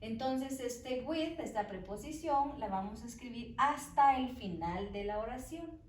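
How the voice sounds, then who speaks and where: A woman teaching an English grammar lesson, explaining slowly and carefully and drawing out each example word. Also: fairly high pitch, expressive, slight background noise. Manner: slow, careful, stretches example words while writing. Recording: echoey room, voice from far off the mic.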